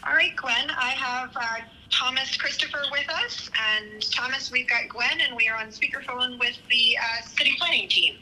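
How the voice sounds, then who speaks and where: A woman's voice: high-pitched, normal speed, few pauses, sharp tone, a little hiss or hum, low-quality recording. A woman, a project manager, speaking politely and formally over a speakerphone line into a hearing. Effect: heard over a speakerphone line. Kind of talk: phone call in a formal hearing.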